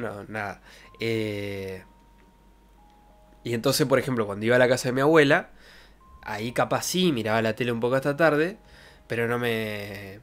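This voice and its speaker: A young adult man streams from his bedroom setup, his medium-pitched voice fairly bright as he chats and reminisces in a casual, colloquial, joking way. He has a Santa Fe Argentine accent. A close desk mic with a pop filter picks him up.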